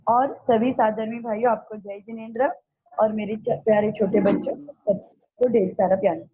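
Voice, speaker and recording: A woman's voice: fairly high pitch, steady tone, moderate pace, breathy edge. A woman teaching a children's religious class over a video call, coaxing the kids sweetly and leading a recitation line by line. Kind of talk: leading an online kids' class, call and response. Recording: tinny phone-line audio.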